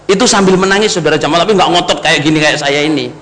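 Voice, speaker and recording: A man's voice: fairly high pitch, fast, a bit bright. A man with an East Javanese accent preaching a storytelling sermon, speaking straight to his congregation and telling the story with big swings. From East Java. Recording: long hall reverb with faint background noise.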